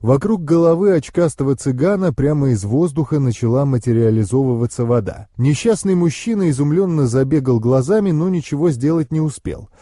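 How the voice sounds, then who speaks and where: A man narrating a first-person audiobook in a smooth, ironic storytelling manner. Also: mid-range voice, animated, brisk, few pauses, warm tone, no room sound, studio quality.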